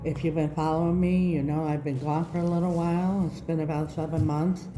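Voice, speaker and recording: A woman giving an unhurried, earnest spiritual card reading to online viewers, her speech slightly slurred and slushy as she recovers from mouth surgery. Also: deep voice, fairly even intonation, dark tone. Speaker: tarot reader, channel host. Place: indoors in an echoey room. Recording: roomy echo, background noise.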